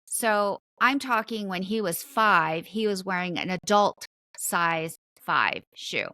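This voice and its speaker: A woman's voice: medium pitch, lively intonation, slow pace, bright, forceful tone, dry recording. A woman in her fifties hosting a podcast, telling family anecdotes in a chatty, casual way with light fillers. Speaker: podcast host. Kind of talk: casual storytelling interview.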